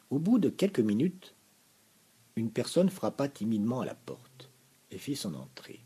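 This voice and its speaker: A man reading a comic story aloud in a lively, mock-dramatic manner. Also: medium pitch, husky.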